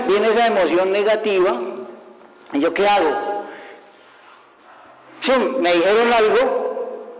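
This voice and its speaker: A man preaching a sermon as an evangelist, lively and full of rhetorical questions, laughing at his own stories. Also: high voice. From Colombia. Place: church hall. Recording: long hall reverb.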